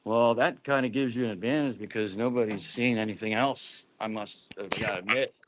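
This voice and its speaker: A man chatting casually about sports in a slangy, animated way. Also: on the low side, brisk, slight background noise.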